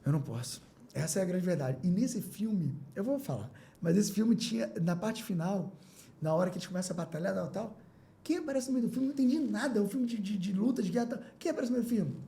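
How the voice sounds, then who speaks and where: A man's voice: high-pitched, animated, fast, creaky, warm tone. A middle-aged man, a business owner and podcast guest, telling a personal story with emotion, repeating phrases and acting out his own past words.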